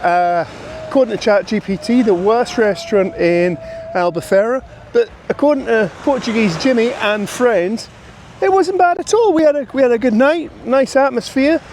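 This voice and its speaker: With loud street noise all around, a restaurant vlogger jokes with and ribs his friends at the table in casual, teasing banter. He speaks at a moderate pace in a very high voice.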